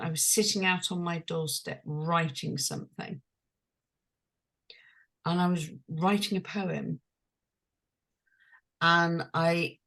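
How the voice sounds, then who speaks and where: Slow, gravelly woman coach. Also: fairly low pitch. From London. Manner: slow, hushed and intimate, dwelling on each phrase. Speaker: guest, transformational coach. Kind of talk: reflective personal storytelling.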